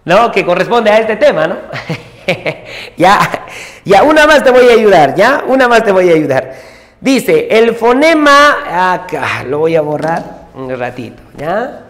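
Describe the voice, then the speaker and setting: A male teacher giving an exam-prep lesson, repeating each rule over and over and checking in with quick tag questions. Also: high-pitched, fairly bright tone. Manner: repetitive drilling with constant tag questions. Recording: long reverb room echo.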